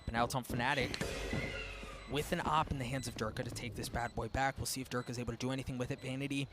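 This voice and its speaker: A man calling a live esports match as play-by-play commentator, excitable, building from tense quiet to shouts at big plays. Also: mid-range voice, quick pace, over loud music.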